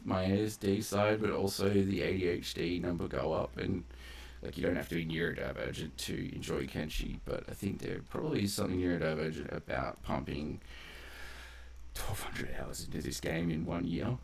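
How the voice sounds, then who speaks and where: Here a man with a low, creaky, husky voice narrates a game he's playing. His commentary is loose and unscripted, veering off on tangents while he breaks down the mechanics thoroughly.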